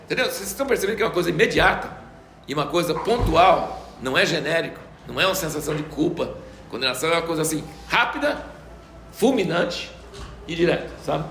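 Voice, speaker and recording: Older guy teaching bible stuff, gravelly voice, acts out the people he quotes, faint hum behind, echoey room. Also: fairly high pitch, quick pace. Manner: animated storytelling, acts out quoted voices, laughs often. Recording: roomy echo.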